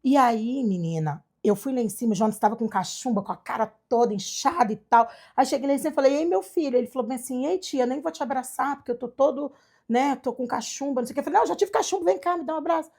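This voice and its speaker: A woman from Brazil telling her adoption story in a casual chat, animated and acting out the voices of people she quotes. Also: sits high, fast, gravelly. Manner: animated, acts out quoted dialogue. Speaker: guest, adoptive mother.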